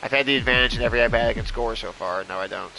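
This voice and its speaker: A young man live-streaming a baseball video game, chatting casually with his viewers, excitable and swearing freely. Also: mid-range voice, rapid-fire, vocal fry. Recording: noisy background.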